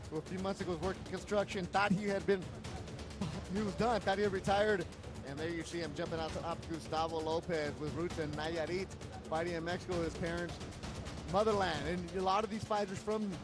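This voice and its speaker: A man calling a live MMA fight play-by-play, emphatic and given to storytelling. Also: sits high.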